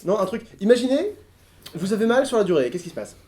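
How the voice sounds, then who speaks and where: A man's voice: high-pitched, very animated, racing, darkish tone. A man hosting a riddle game on stage, laughing often and hesitating while he answers questions. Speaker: game host. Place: convention stage before an audience. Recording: live crowd in a hall.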